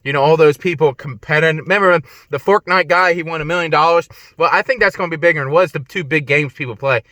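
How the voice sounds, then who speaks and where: A man rambles through his stock picks from a parked car, circling back with "but anyway" after every tangent. His voice is fairly high and bright, a little congested, and the recording is close and dry. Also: fast talker, no echo. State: congested, clearing throat. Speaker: stock-picking video host. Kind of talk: casual rambling stock talk. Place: in a car on a windy day.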